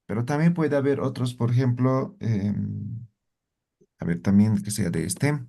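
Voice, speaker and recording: Slow-talking man teaching a language class. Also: mid-range voice, fairly even intonation, gravelly, warm tone. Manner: slow, asks students questions often, tag questions. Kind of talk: interactive class explanation.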